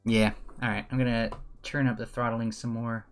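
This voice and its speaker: A man's voice: medium pitch, level tone, moderate pace, clear, resonant tone, soft background music. A man who teaches, chatting casually while streaming game development, rambling, with dry sarcastic asides. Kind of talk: casual livestream chat.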